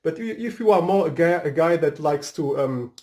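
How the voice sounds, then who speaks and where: Portuguese-accented man, mellow voice, rambling. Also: fairly high pitch, animated, moderate pace. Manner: rambling, hesitant, searching for words. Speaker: tech video host. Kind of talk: casual unscripted tech review. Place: home room with a fireplace.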